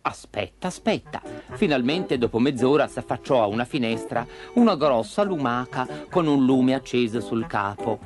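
A man narrating a children's story in an expressive, lively way. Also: mid-range voice, normal speed, few pauses, music in the background.

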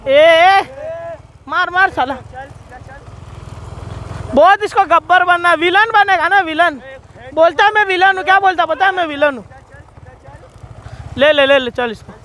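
A young man vlogging outdoors, yelling urgent commands during a chase on a rough road. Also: very high-pitched, measured pace, long pauses. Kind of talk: excited outdoor confrontation vlog.

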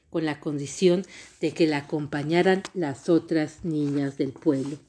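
A woman storyteller reading a folk tale aloud with expressive, dramatic narration. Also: lowish voice, breathy edge.

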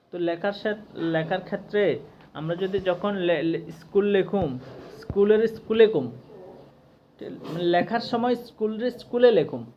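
High-voiced man teaching grammar. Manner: conversational, often asks "ঠিক আছে?" to check understanding. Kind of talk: exam-prep grammar lesson. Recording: slightly dull lo-fi recording with faint noise.

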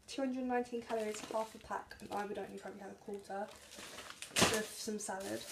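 A woman's voice: fairly high pitch, vocal fry. A young woman chatting through a grocery haul vlog in a small home kitchen, reading out labels and calorie counts to a camera at arm's length. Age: young adult. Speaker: vlogger. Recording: echoey kitchen with background noise.

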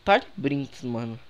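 Slangy young Brazilian gamer guy. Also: medium pitch. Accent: Brazilian Portuguese. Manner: relaxed, slangy, chatty with viewers. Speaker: gaming youtuber. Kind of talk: casual gameplay commentary. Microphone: headset microphone.

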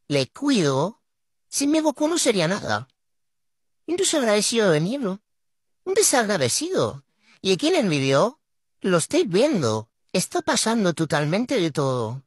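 In this clip, a husky, mid-range voice belongs to a vlogger whose gender is swapped by a voice changer filter as they exasperatedly scold their pet to camera, hamming up the drama. There's no echo, and the sound is clean studio quality.

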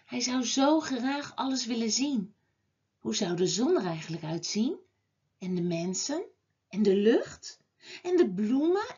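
High voiced woman reading a kids bible story, slow and bouncy, muffled lo-fi audio. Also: husky. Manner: slow, expressive, lively telling. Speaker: children's Bible class teacher. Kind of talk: storytelling to children.

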